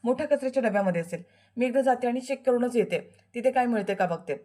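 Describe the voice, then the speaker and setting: A woman's voice: fairly high pitch, expressive, fast talker, warm tone, voice pushed up. A woman voicing a helpful household woman in a serial, eager and obliging.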